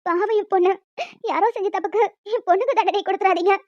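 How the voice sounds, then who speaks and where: A woman's voice: very high-pitched, fast, darkish tone, dry recording. A performer voicing a desperate, poor mother who cleans at a school, in a cartoon. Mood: pleading. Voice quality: pleading, then scolding shrilly. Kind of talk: cartoon voice acting. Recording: dull lo-fi dry recording.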